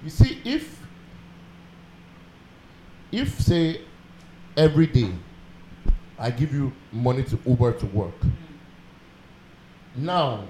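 A Nigerian man talks through his view in a casual group chat, earnest and patient, building his point from everyday examples. His voice rings in an echoey room with clear background noise behind it. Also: mid-range voice, big pitch swings, slow pace, pauses often, dark tone. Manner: earnest, explains with worked examples. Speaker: panelist.

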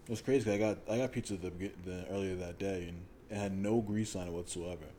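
A man's voice: low voice, fairly even intonation, fast, mellow, a little hiss or hum. A young American man chatting casually with friends. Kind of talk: casual chat.

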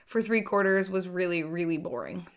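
A woman's voice: fairly low pitch, expressive, moderate pace. Woman co-host, casual, filler-heavy chat, easygoing delivery. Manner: chatty, laid-back storytelling with many fillers. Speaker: sports podcast co-host.

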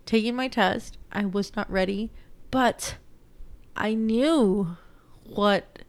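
Young woman, Texan accent, casual vlogger; slow, clear delivery, chatty and emotional. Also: mid-range voice. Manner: chatty, emotional, laughs often, says "y'all" and "like". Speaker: teacher and vlogger. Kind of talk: casual weekly recap vlog.

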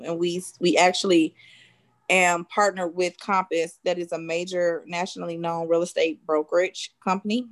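Woman, low, matter-of-fact. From South Side of Chicago. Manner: steady, matter-of-fact, many "um"s. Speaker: real estate consultant. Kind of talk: casual interview guest.

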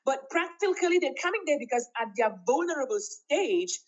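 A woman's voice: expressive, brisk. Emphatic woman in her fifties, dull audio. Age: 50s. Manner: emphatic and laughing, swoops up in pitch. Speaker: interview guest. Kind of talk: casual interview chat.

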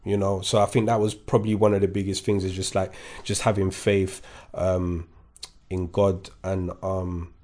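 Young male guest, low voice, relaxed slangy storyteller. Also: moderate pace. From born in France, grew up in Kingston, England. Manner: laid-back slang-heavy storytelling, many fillers. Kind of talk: casual podcast chat.

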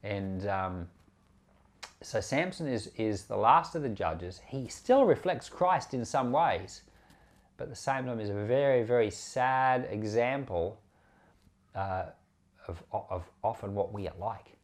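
A man who preaches and hosts a Bible podcast gives an informal sermon commentary on scripture in a fairly low, expressive voice, taking it slowly. He is earnest and conversational, repeating and rephrasing his points for emphasis.

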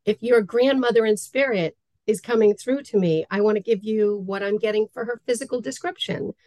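A woman's voice: medium pitch, normal speed, mellow, dry recording. A woman speaking as an interview guest, a spiritual medium explaining things earnestly and step by step in a conversational way.

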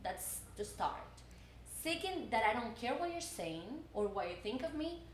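A Cuban woman in her twenties, a journalism student appearing as a guest, speaks English with a Cuban Spanish accent in a casual chat. Her voice is a little high and sing-song at a moderate pace, she often repeats words when starting a thought, and the audio is reverberant with slight background noise.

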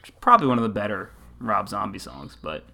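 A man's voice: on the low side, big pitch swings, fast talker, vocal fry, sharp tone. Chill guy rambling on a podcast, laid back, laughs a lot. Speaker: podcast co-host. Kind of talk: casual chat.

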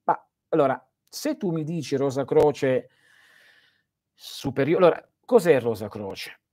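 A man's voice: mid-range voice, expressive, unhurried, warm tone, dry recording, studio quality. A man hosting a live stream as a spiritual teacher, answering viewers' questions in an earnest, didactic way and speaking straight to his listeners.

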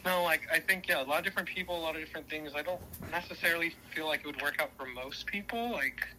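A man's voice: fairly high pitch, fast talker, pushed and bright, slight background noise, low-quality recording. A young man guest on a chat podcast, rambling through his thoughts with lots of "like" and restarts. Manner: rambling, many fillers, self-correcting. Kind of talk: casual discussion.

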